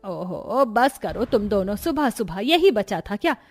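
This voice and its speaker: A woman's voice: sing-song, unhurried, darkish tone. Woman voicing an older cartoon mother-in-law, weary, scolding, heavier voice, light music under. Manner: tired, scolding, lower and heavier voice. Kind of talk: cartoon voice acting.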